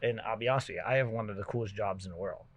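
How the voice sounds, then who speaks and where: A middle-aged man hosting a podcast, chatting casually and telling stories with loud bursts when he gets excited. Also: on the low side, rapid-fire. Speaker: podcast host. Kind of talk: casual chat.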